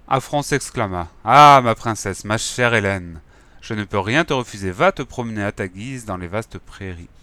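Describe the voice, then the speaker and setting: A man narrating a fairy tale in a calm, measured reading voice. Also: on the low side.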